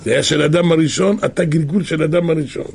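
Raspy, gravelly male storyteller. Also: on the high side, fairly even intonation, a little mellow. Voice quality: raspy, husky. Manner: halting, conversational, many restarts. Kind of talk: folksy retelling of a scripture story.

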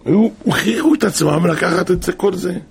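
A man preaching, telling a moral story in an animated storytelling way with wide swings of pitch. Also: creaky, slightly rough.

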